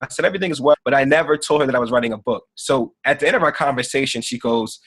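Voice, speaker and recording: A man in his thirties, a podcast guest and author, telling a story earnestly in a conversational interview, often trailing off softly. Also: mid-range voice, very fast. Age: 30s.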